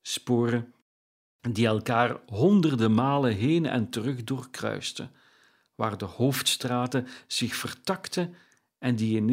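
A man narrates a storybook at an unhurried, deliberate pace, his voice sitting at an ordinary middle pitch. The reading is measured and calm. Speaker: audiobook narrator.

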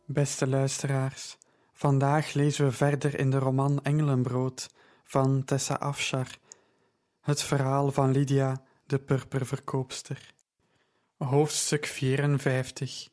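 A man reading a novel aloud to radio listeners in a steady, even voice. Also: medium pitch, slow. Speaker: reader. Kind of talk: scripted audiobook reading.

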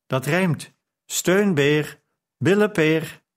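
Man doing a cheeky little boy, playful, higher voice, storybook reading. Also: very animated, very slow, breathy edge, exaggerated voice.

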